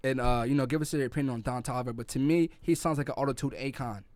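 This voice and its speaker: A man's voice: medium pitch, fast talker, a little mellow, no echo. Brash opinionated man, dry close sound. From New York City. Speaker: podcast co-host. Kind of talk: casual podcast chat.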